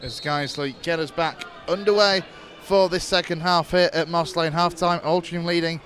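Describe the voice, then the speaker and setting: Brisk male football play-by-play caller. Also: fairly high pitch, fairly even intonation. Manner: brisk play-by-play, rising to shouts at chances. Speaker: football commentator. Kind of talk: live play-by-play commentary.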